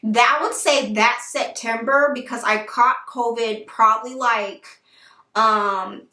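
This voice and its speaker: A woman vlogger telling her story to viewers in a chatty, animated way, talking straight to them. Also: a little high, slow pace, recorded from a distance. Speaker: hair care vlogger. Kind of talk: casual storytelling to camera. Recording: roomy echo, voice set back from the mic.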